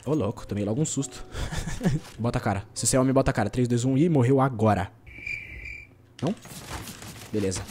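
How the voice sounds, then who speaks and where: A young man commentating his own gameplay live in quick, heavy banter with his chat. His voice is lively and jumps around in pitch. A faint hiss sits under it. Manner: slangy, excitable, joking banter with chat. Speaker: gaming streamer.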